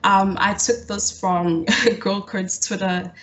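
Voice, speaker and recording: A young woman facilitating an online coding workshop over a video call, often pausing with fillers and restarting her sentences. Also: medium pitch, steady tone, a bit bright, a little hiss or hum. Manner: hesitant, lots of fillers and restarts. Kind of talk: live online coding tutorial.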